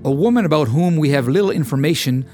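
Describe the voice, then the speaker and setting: A man narrating a history documentary in a measured, formal scripted delivery. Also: fairly high pitch, animated, darkish tone, soft background music.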